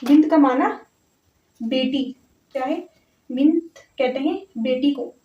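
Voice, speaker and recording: Woman, grammar teacher, high voice, patient and repetitive, distant mic, slightly muffled sound. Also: takes it slowly. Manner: patient, repeats words and checks in often. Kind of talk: step-by-step classroom lesson. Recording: echoey, distant, slightly dull audio.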